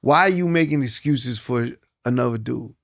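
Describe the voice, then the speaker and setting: Gravelly 50s guy thinking out loud, earnest, dry close mic. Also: medium pitch, normal speed, no echo. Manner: earnest, reflective, repeats words as he thinks. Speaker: guest, film producer. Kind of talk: casual chat.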